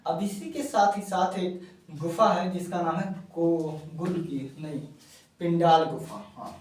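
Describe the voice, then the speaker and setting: Slow-talking male teacher in echoey room. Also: on the high side. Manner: slow, repeats key words for note-taking. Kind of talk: classroom lecture. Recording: echoey room, mic far off.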